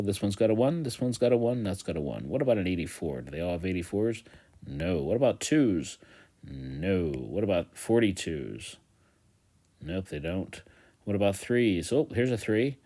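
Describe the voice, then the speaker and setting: Male teacher, low voice, casual and playful, talks students through a math review one step at a time. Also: a little mellow. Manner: chatty, joking asides, repeats steps slowly. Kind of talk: recorded math review lesson. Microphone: tablet voice-over of a whiteboard.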